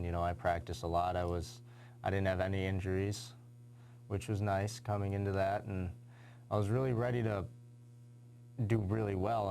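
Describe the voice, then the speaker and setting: Young guy athlete on local tv, lowish gravelly voice, lots of "you know", faint hum. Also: a little mellow. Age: young adult. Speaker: high school athlete guest. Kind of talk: TV interview answers.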